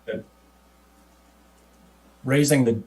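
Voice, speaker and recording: A man speaking remotely over a video call whose audio keeps freezing and breaking up, so his words come out in halting, cut-off fragments. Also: medium pitch, steady tone, husky. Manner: slow, halting, cut-off phrases. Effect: choppy, freezing video-call audio breaking up. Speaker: remote legislative liaison.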